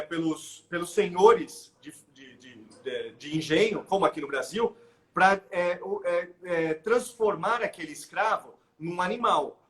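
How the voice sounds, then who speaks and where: A middle-aged man with a Brazilian Portuguese accent, speaking as the guest expert in a live interview, lays out his views with lots of animation. His voice sits high, and he keeps restarting and tagging on "né?"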